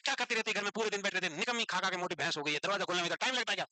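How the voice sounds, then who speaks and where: A man puts on a furious husband who bursts out scolding his family the moment the door opens. The rant tumbles out very fast in a sharp, piercing voice, recorded dry and close. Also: high voice, no room sound. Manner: shouting, scolding.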